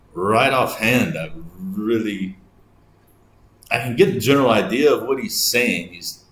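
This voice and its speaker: A man with an English accent chats through an explainer video, thinking aloud as he goes. His voice sits very low, and the recording is roomy with a faint hum of ambience underneath. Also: a bit bright. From England. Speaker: host, English teacher.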